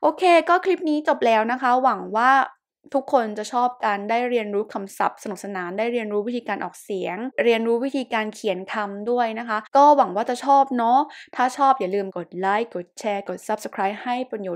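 A woman from Thailand teaching French pronunciation, repeating each word slowly and patiently with polite, gentle phrasing. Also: mid-range voice. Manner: slow, patient word-by-word repetition. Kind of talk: pronunciation lesson.

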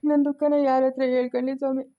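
A woman's voice: high voice, steady tone, a little fast, highs cut off, natural voice. A woman with a rural Karnataka accent voicing a grieving elderly village accountant in an amateur family drama, crying and pleading. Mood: weeping. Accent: Karnataka rural Kannada. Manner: pleading, broken lament.

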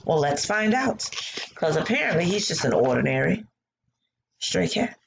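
A teacher reads aloud to her class from home, speaking into a laptop webcam at close range in her living room. Her low voice, edged with vocal fry, moves at a moderate pace, and she cheers on her students and praises their answers. Background noise is audible.

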